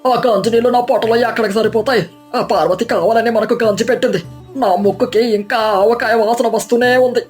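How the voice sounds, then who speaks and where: A woman's voice: a little high, steady tone, fairly quick, faint music behind, close to an everyday voice. A woman voicing a miserly, boastful husband who grumbles and schemes. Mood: scheming. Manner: grumbling, then yelling. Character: miserly middle-aged husband, greedy and boastful.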